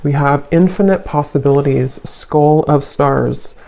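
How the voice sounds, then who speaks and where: A tarot reader giving a card reading, unhurried and searching for words, with many soft fillers. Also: mid-range voice, vocal fry.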